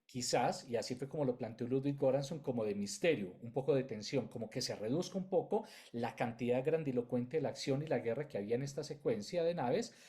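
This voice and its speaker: A man's voice: medium pitch, lively intonation, brisk, hardly any pauses, mellow. A man teaching an online class on film music, explaining in loose, chained phrases and addressing his students directly.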